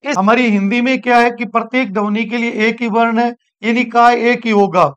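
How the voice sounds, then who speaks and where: A man's voice: extremely high pitch, fairly even intonation, normal speed, a bit bright, clean tone, lo-fi sound. A man teaching a classroom grammar lesson, explaining step by step, asking questions and answering them himself. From India. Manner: explains step by step, repeats points, asks and answers his own questions. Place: school classroom.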